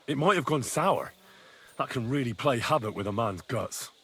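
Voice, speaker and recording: A man's voice: mid-range voice, expressive, moderate pace, pushed and bright, husky, heavily acted. A young man voicing an earnest, curious squire in a game, thinking aloud and asking questions. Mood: thoughtful. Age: young adult.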